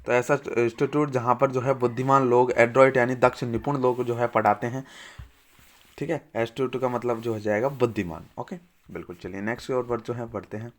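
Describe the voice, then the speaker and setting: A man's voice: mid-range voice, fairly even intonation, fairly quick. A young man teaching English vocabulary in Hindi, repeating each word and asking the class quiz-style questions. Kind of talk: vocabulary lesson.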